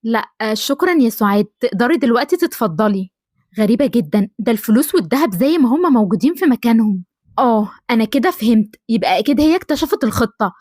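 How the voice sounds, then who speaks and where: A woman's voice: fairly high pitch, sing-song, a little mellow, no echo, studio quality. Woman voicing a scheming Egyptian housewife. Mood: suspicious. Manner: quick, suspicious muttering to herself. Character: suspicious scheming housewife, young adult.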